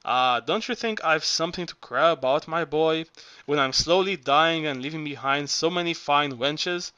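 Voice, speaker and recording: A man's voice: on the high side, normal speed, pushed and bright, smooth, no room sound, lo-fi sound. A man reading the part of a lecherous, half-blind grandfather of a hundred, coaxing and wistful.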